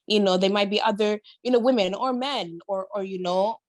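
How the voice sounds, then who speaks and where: Here the same kind of speaker, a woman from Kenya who influences on body confidence, keeps a brisk pace and medium pitch. Her podcast-guest chat is casual and personal, pushed along by emphatic, slangy encouragement, with no room sound.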